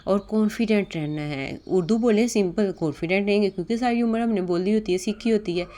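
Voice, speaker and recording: A woman's voice: mid-range voice, brisk, mellow. A woman giving a casual spoken lesson on interview preparation, explaining step by step and mixing in English terms. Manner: explains step by step, often repeats "ठीक है"; mixes English terms into Urdu. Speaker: interview prep tutor.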